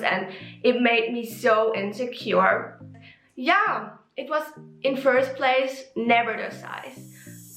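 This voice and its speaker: A woman's voice: on the high side, gravelly, fairly bright tone, reverberant, rough recording. A young woman from Switzerland with a Swiss German accent, a native German speaker, chatting openly in a personal vlog with frequent ums and self-corrections. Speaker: vlogger.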